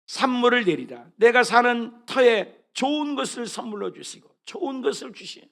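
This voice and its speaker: Gravelly high-voiced male pastor preaching. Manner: rises to loud fervent reading, drops to soft asides; repeats phrases, asks the congregation questions. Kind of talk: sermon with scripture reading.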